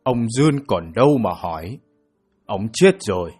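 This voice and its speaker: Man doing a stern, measured prosecutor. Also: fairly low pitch, big pitch swings, darkish tone, breathy edge, soft background music. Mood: probing. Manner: slow, measured questioning. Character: stern male prosecutor, calm and probing.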